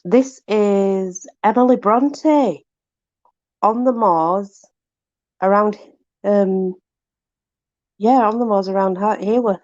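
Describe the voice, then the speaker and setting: A Yorkshire woman reads aloud from a book as a host, in a casual, chatty style, tossing informal, exclamatory asides to a companion. Her medium-pitched, darkish voice moves slowly with frequent pauses. The recording has no room sound and the highs are cut off.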